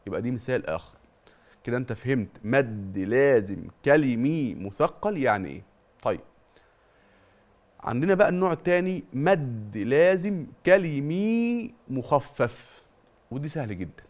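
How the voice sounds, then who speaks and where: A man's voice: mid-range voice, big pitch swings, normal speed, darkish tone. A middle-aged man with an Egyptian accent teaching a televised Quran tajweed lesson. He drills terms by question and answer and stretches out long vowels to demonstrate them. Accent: Egyptian Arabic.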